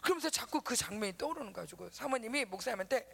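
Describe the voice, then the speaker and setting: Gravelly-voiced woman preaching to kids. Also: fairly high pitch, very fast. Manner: lively, acts out voices, talks to kids. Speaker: pastor's wife preaching to children. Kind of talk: children's sermon storytelling.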